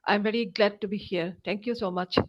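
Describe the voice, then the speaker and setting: A woman's voice: mid-range voice, fairly even intonation, fairly quick, highs cut off. A woman professor, formally introducing herself on a video call. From India. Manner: formal, list-like. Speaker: computer science professor, head of department.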